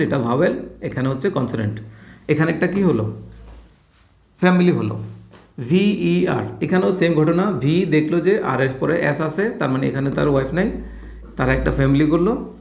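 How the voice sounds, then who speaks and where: A man teaches an English lesson, walking through examples on a board with playful jokes. His voice sits a little high. The sound bounces around a bare, echoey room. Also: vocal fry, a little mellow. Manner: playful, explains with family jokes.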